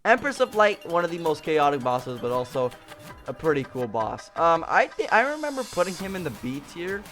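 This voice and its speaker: A man's voice: a little high, big pitch swings, moderate pace, a bit bright, soft background music. A young man casually ranking game bosses at home, rambling with lots of fillers and restarts, a bit out of breath. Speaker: gaming youtuber.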